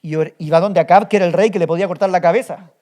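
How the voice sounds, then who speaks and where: Man preaching a lively storytelling sermon. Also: sits high, very fast. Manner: animated storytelling with rhetorical questions to the congregation. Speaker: pastor. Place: church.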